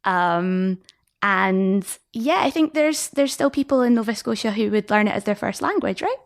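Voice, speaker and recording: A woman's voice: medium pitch, animated, normal speed, no room sound, clean studio sound. A woman from Scotland with a middle-class Scottish accent, chattily explaining things as an interview guest, often hedging as she goes. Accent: Scottish, middle-class Scottish Standard English. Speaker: guest, linguistics researcher and teacher.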